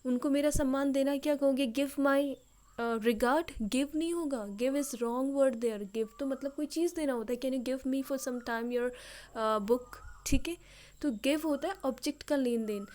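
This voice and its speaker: Woman, English teacher, fairly high voice, deliberate dictation of practice sentences. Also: darkish tone. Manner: explanatory, addresses students directly. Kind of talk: bilingual classroom-style lesson.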